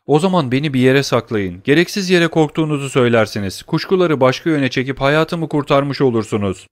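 A man's voice: medium pitch, lively intonation, a little fast, natural voice. A man voicing a hunted young fugitive in an audiobook, speaking with pleading urgency. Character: hunted young male fugitive, desperate then cocky.

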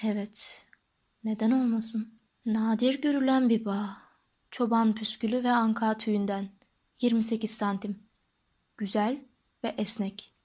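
A woman voicing an eccentric, intense old male wandmaker who speaks in a soft, lowered murmur, in an audiobook. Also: fairly even intonation, measured pace, long pauses, lo-fi sound. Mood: hushed, musing.

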